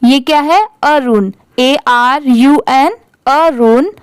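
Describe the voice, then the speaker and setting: A woman's voice: high-pitched, very slow, clean tone, no echo. A woman teacher explaining English reading in Hindi. She spells each word out letter by letter, repeats it patiently and asks the class to say it after her.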